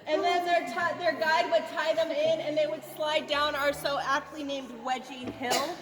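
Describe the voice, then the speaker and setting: A woman leading a guided tour deep in an underground limestone cavern, with cave echo on her voice. She explains to her group and checks in with them by asking "right?". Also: fairly even intonation, moderate pace, a bit bright. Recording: echoey cave with long reverb.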